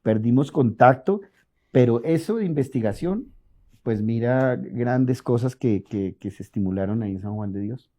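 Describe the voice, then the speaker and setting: A middle-aged Colombian man being interviewed, telling lively stories and acting out quoted dialogue. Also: medium pitch, normal speed. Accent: Colombian Spanish. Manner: animated anecdotes, acts out quoted dialogue. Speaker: interviewed physician. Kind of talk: relaxed storytelling interview. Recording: dull lo-fi audio.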